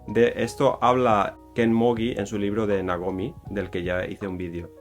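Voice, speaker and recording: Rambling Spaniard with a lowish voice. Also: male voice, level tone, normal speed, soft background music. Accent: Spain Spanish. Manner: rambling, with many fillers and self-corrections. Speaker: YouTuber explaining Japanese culture. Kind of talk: casual explanatory talk.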